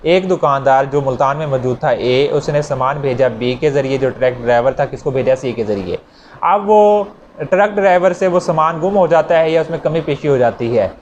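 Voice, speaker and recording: In dull audio with noticeable background noise, a Pakistani-accented man lectures students on law, going over points again in new words and using worked examples. He speaks at normal speed in a medium-pitched, slightly mellow voice.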